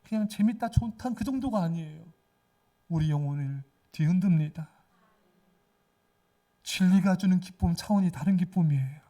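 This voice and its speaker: A middle-aged man preaching a sermon in a notably high voice. He exhorts with fervor, urging his congregation again and again. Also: moderate pace, pauses often, dark tone, recorded from a distance. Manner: fervent, exhorting, repeatedly addresses the congregation. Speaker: pastor.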